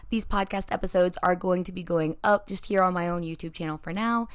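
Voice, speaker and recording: A woman hosts a solo podcast and talks straight into her microphone. Her voice sits slightly low for a woman. She rambles in a lively, casual way and swears now and then. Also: brisk, clean tone. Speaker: podcast host.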